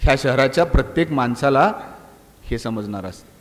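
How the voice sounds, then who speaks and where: A middle-aged police inspector giving an animated speech to college students, firing rhetorical questions, scolding and urging them. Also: male voice, mid-range voice, moderate pace. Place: college auditorium. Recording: long hall reverb.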